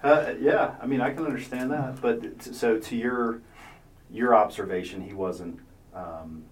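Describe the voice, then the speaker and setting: A man's voice: medium pitch, measured pace. A man working as an investigator, questioning a witness in a methodical, probing way. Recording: distant mic with faint noise.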